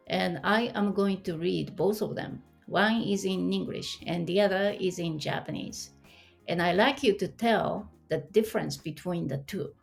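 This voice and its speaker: A woman's voice: fairly low pitch, vocal fry. A woman teaching an online language lesson, explaining patiently and asking the listener questions.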